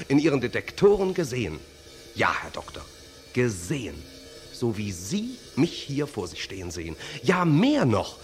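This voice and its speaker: An actor playing a theatrical, vengeful stage magician in a radio play, speaking in a declamatory, hypnotic way. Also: male voice, mid-range voice. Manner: hypnotic, declamatory, sweeping intonation. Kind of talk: 1920s radio play acting.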